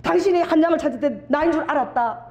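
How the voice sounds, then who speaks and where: A tearful middle-aged woman blurts out her confession in a rush, her voice riding high and cracking with sobs, as a woman preacher acts her out. She speaks, overwrought and pleading. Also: quick pace, noisy background. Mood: tearful, excited. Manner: sobbing, excited outburst.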